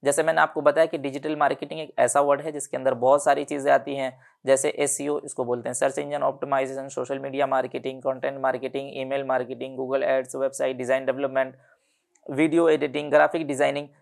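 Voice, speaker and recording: A man with a gravelly, creaky voice walks through a casual online lesson. He speaks at an unhurried pace, filling pauses with "uh" and correcting himself as he reads from his notes. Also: medium pitch, little pitch movement. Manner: unhurried, many "uh" fillers and self-corrections while reading from notes. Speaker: online digital marketing instructor. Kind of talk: casual tutorial explanation.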